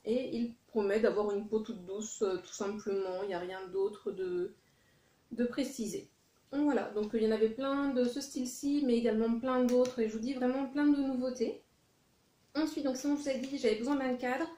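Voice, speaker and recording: A woman's voice: fairly high pitch, fairly even intonation, normal speed, warm tone. A woman chatting casually through a shopping haul, with many fillers and self-corrections. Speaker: vlogger. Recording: echoey room.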